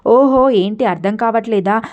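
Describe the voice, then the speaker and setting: A woman's voice: on the high side, moderate pace, darkish tone, close to an everyday voice. A woman voicing a spiteful young woman who mocks and insinuates in a retold serial scene. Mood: sneering. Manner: mocking, taunting.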